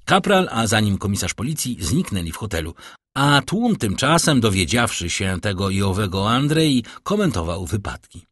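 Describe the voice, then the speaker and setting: A man narrating a classic novel as an audiobook, in an expressive, theatrical way. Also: lowish voice, normal speed, husky, no room sound, clean studio sound. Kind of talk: audiobook reading.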